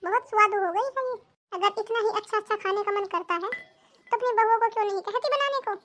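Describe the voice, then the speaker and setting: A woman's voice: very high voice, quick pace, a bit bright. A woman voicing a cheeky young vegetable-selling girl in a cartoon, chatty and teasing.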